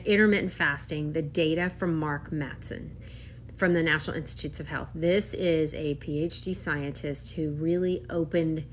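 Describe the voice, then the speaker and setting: Animated woman in her fifties, low-voiced. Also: a little hiss or hum. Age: 50s. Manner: animated and emphatic, with quick asides. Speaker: doctor. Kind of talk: casual talk to camera.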